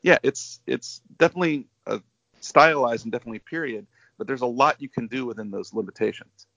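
A middle-aged man speaks as an interview guest over a video call, his voice coming through dull and lo-fi with no room sound at all. He talks at a moderate pitch and tells his stories in an enthusiastic, rambling way. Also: brisk, creaky, a bit bright, no echo. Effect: heard over a video call, connection breaking up. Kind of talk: casual interview.

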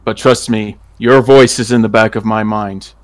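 A man's voice: on the low side, steady tone, moderate pace, no echo, lightly acted. A man playing a polite, honourable werewolf traveler in a tabletop game, speaking in a formal, solemn way. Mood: respectful. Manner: formal, deferential. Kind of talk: tabletop role-play character acting.

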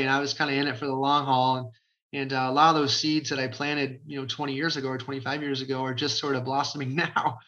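A man in his forties from Ontario, Canada, talking as an interview guest in an energetic, chatty way, with lots of fillers. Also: a little high. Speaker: guest, realtor. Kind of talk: casual interview talk. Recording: dull lo-fi sound.

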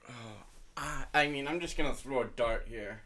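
A man's voice: mid-range voice, moderate pace, bright, forceful tone. A man co-hosting a casual sports chat, guessing quiz answers in an easygoing, offhand way. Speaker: podcast co-host.

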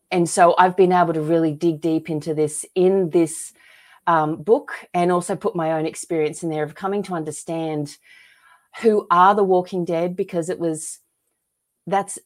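An author and filmmaker with an Australian accent, this woman speaks in a low, slightly mellow voice. As a podcast guest in a conversational interview, she recounts personal stories with earnest emphasis.

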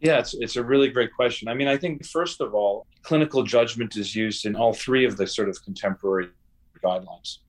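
A man with a mid-range voice appears as a guest researcher on a podcast interview. He speaks in a measured way, often using fillers and restarting his sentences.

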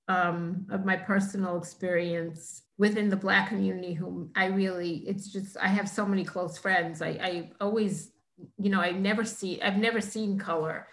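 A middle-aged woman tells a personal story to her host, emphatic and animated and often tripping over her own restarts. Her voice sits at a medium pitch. The recording has a roomy echo around it. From New York, United States. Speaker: author and guest.

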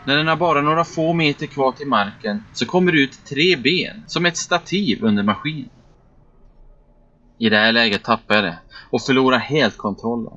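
A man's voice: mid-range voice, expressive, bright, forceful tone, a little hiss or hum. Man narrating a first-person story. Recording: dull, muffled recording with faint background music.

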